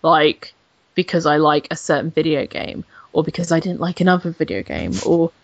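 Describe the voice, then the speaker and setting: A young woman in her twenties, a games journalist chatting as a podcast guest, blunt and animated, swearing freely. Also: deep voice, moderate pace, no echo, dull audio. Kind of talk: casual podcast chat.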